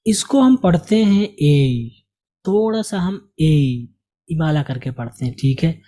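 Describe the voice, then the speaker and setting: A man teaching an English lesson, speaking slowly and repeating each letter with questions to the learner, in Hindi with many Urdu words. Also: high-pitched, lively intonation, mellow. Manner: Urdu-flavoured Hindi speech.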